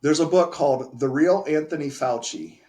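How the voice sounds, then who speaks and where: A man's voice: on the high side, normal speed, dark tone. Candid man answering interview questions. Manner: candid, emphatic, restarts phrases. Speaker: pharmacy owner guest.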